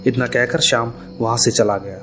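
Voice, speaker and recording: A man's voice: mid-range voice, steady tone, fairly quick, a bit bright. Male horror story narrator over faint music. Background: faint background music.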